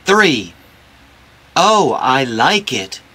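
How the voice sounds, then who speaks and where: A man voicing a polite shopper and shop clerk in a scripted English textbook listening dialogue, speaking in slow, carefully enunciated English. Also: mid-range voice, sing-song, pushed and bright, slightly rough, full character voice.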